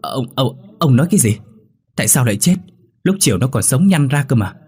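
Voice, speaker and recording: A man voicing a shrill, quarrelsome middle-aged first wife, pitched well above his own voice, husky. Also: brisk, a little mellow. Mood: frightened. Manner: shrill, scolding.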